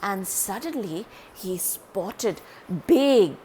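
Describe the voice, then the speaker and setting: A woman reading a children's story aloud, animated and speaking directly to young listeners. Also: mid-range voice, very slow, slight background noise.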